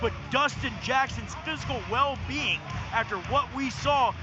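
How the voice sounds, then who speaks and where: A man calling live wrestling as play-by-play commentator in an excitable, emphatic way. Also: extremely high pitch, moderate pace. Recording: dull lo-fi broadcast with loud music.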